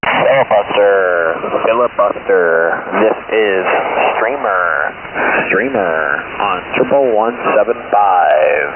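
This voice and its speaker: A man's voice: deep voice, animated, takes it slowly, few pauses. Man on static-filled HF radio. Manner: clipped, repetitive call-and-check phrasing. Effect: HF radio transmission with static bursts. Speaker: military radio operator. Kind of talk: radio procedure calls. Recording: tinny HF radio with loud static.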